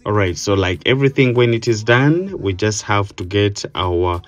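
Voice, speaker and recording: A man explaining a hairstyling tutorial as the instructor, talking in halting bursts with many fillers and repeated words. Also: on the low side, expressive, muffled recording, music in the background. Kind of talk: hair tutorial with channel promotion.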